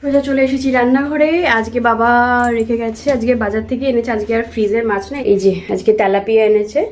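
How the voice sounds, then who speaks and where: A woman's voice: fairly high pitch, steady tone, fast talker, a little mellow, rough recording. A woman in her thirties from Bengal, chatting casually to viewers as she does housework and cooks at home. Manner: chatty, explains chores to viewers. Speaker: vlogger and homemaker. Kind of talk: casual vlog narration. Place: home kitchen.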